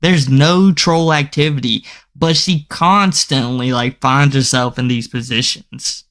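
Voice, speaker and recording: A man's voice: mid-range voice, steady tone, measured pace, fairly bright tone. A young man giving casual reaction commentary to his viewers, talking loosely with frequent stammered restarts. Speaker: commentary YouTuber.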